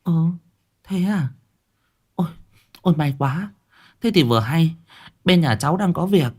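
A man's voice: sits high, voice pushed up. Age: middle-aged. Figure: wailing village woman as a man puts her on. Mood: fawning, chatty. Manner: sing-song lamenting wail, stretched out.

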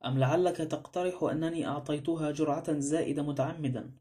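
A prickly, defensive doctor, voiced by a man reading a mystery aloud. His replies are curt and cold, quick in pace, with a dark, mellow tone. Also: on the high side, steady tone, lightly acted. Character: touchy, cold male doctor.

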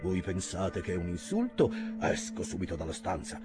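A man's voice: low-pitched, big pitch swings, moderate pace, loud music behind the voice. A man reading an audiobook, voicing a scheming swindler who talks in clipped, staccato phrases with melodramatic flair. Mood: smooth. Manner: theatrical, melodramatic. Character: smooth-talking scheming adult male swindler.

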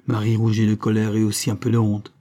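A man reading a classic novel aloud as an audiobook narrator, in a measured, even delivery. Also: on the low side. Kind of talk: literary reading.

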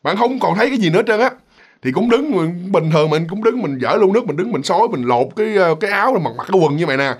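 A man with a Mekong Delta accent from Southern Vietnam races through a casual ghost story, his high voice full of lively intonation. As a storyteller and channel host, he talks straight to his listeners in a chatty, loose, repetitive way.

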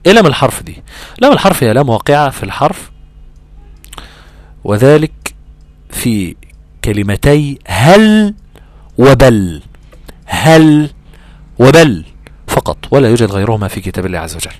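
A man with an Egyptian accent teaching Quran recitation rules in a lively, conversational way, acting out imagined student questions. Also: mid-range voice, no echo. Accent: Egyptian Arabic. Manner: animated, acts out imagined student exchanges, drawn-out recitation examples. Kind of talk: Egyptian colloquial tajweed lesson.

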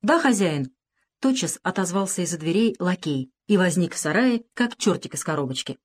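A woman narrating an audiobook in a calm, measured way. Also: on the low side. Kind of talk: scripted narration.

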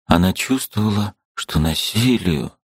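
A man narrating a classic novel as an audiobook, expressive and measured. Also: low-pitched.

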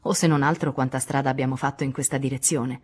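A woman's voice: a bass voice, fairly even intonation, fast, darkish tone, slightly rough. A woman voicing a bold, tomboyish teenage girl who always has a plan, in a storybook reading. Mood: confident.

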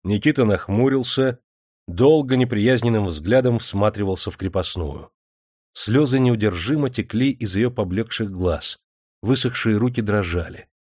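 A man reading a historical novel aloud in steady audiobook narration. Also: fairly low pitch, moderate pace, dry recording, studio quality.

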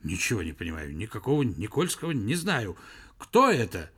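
A man reading the part of an irritable, scornful male zoology professor who fires off sharp, angry questions. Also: fairly low pitch, very animated, moderate pace, slightly rough, full character voice. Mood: irritated.

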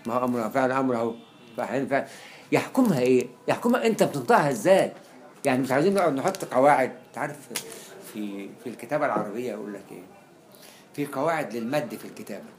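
A man with an Egyptian accent giving a classroom lecture, quickly listing examples and repeating words for emphasis. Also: medium pitch, slight background noise. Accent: Egyptian Arabic. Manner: explains quickly with many examples, repeats words to stress them. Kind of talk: classroom lecture on Arabic spelling.

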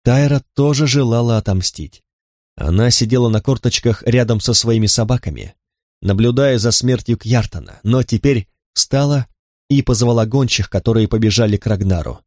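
A man narrating a novel in the first person, with steady, even storytelling. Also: medium pitch, normal speed, dry recording, studio quality. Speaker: audiobook narrator.

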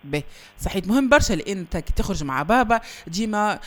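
A woman's voice: medium pitch, lively intonation, fast talker, a bit bright. A woman with a Tunisian accent hosting a radio show, chatting and teasing a young caller and laughing often. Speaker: radio host. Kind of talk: casual chat with a young caller on air.

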